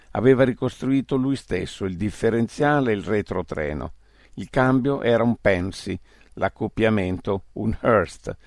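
A man narrating a novel as an audiobook in a steady, measured reading. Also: on the low side, vocal fry, no echo, clean studio sound. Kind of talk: scripted narration.

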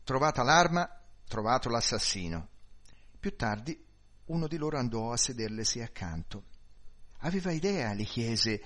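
Brief: male audiobook narrator; calm, measured storytelling. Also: medium pitch. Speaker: audiobook reader.

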